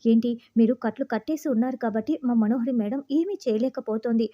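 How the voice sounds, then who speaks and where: A woman's voice: on the high side, brisk, highs cut off, natural voice. A woman voicing a feisty, mock-innocent housewife held hostage, taunting her captors in a serial recap.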